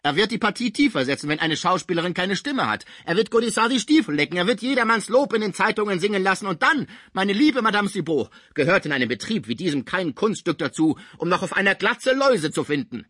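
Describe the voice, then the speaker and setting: A man playing a dying old musician in an audiobook, agitated and bitter, voice strained high, husky. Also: very animated, quick pace, hardly any pauses, bright, forceful tone, no room sound, clean studio sound, full character voice. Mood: despairing. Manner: agitated, outraged outbursts. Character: sick old male musician, bedridden, frantic and bitter. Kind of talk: audiobook character voice.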